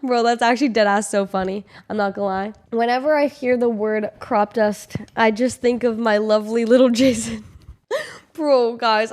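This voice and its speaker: A young woman livestreaming, reading her viewers' confessions and reacting on the spot. Her talk is loose and slangy, full of swearing and quick laughs. She sounds like she is chatting with her audience. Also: fairly high pitch. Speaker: streamer.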